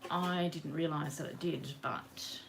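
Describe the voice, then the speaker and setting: Woman, rambling live craft host, lowish voice, faint hiss, camera on the desk. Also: unhurried, vocal fry. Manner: chatty, rambling, greets viewers by name. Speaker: craft demonstrator hosting a live session. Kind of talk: casual live craft demo chat. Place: home craft table. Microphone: camera on the work table.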